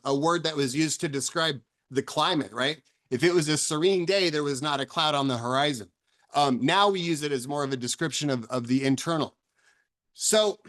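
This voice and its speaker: A man's voice: on the high side, a bit bright. A man giving a reflective solo talk on recovery, earnest and personal, often restarting and repeating words as he thinks aloud. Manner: personal and searching, asks questions aloud. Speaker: author and speaker on recovery.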